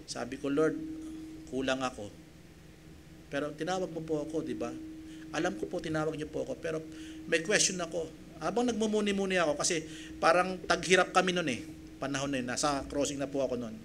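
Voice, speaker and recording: A high-pitched male pastor from the Philippines preaches in church, telling his story with feeling and voicing his own prayers. He builds to loud, emphatic appeals. A faint room hum sits behind him. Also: a little fast, long pauses. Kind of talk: sermon with personal testimony.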